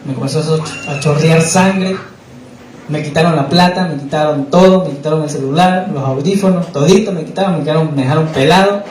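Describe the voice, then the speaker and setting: A man recounts his personal testimony, stumbling and repeating words as he goes. His voice sits a bit high. He is heard from a distance in a reverberant church room with faint background noise. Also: a little mellow. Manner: halting, repeats words, emotional retelling. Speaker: church member giving testimony. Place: church hall.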